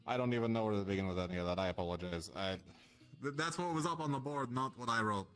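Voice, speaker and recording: A man speaking in improvised role-play as a group's leader, haltingly, often stumbling over his words. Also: fairly low pitch, a bit bright, clean tone, soft background music. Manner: halting, stumbles through reading aloud. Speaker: group leader addressing a room in a live roleplay.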